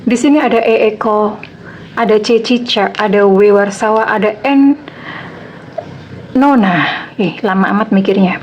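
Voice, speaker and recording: A woman's voice: medium pitch, unhurried, long pauses, darkish tone, highs cut off, slight background noise. Chatty woman doing a tarot reading. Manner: chatty, repetitive fillers, acts out quoted lines. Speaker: tarot reader. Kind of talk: casual tarot reading to viewers.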